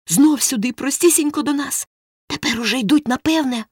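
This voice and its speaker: A woman voicing a frightened but eager boy, whispering in a hushed, excited way for a storybook reading. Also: high-pitched, fairly quick, breathy edge, dry recording, clean studio sound, voice pushed up. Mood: tense whispering.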